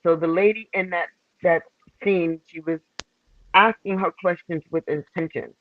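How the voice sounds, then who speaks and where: A woman calling in to a casual chat, speaking in halting, deliberate phrases through a crackling, faulty mic. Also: fairly low pitch. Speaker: guest calling in. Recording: dull remote line with crackle.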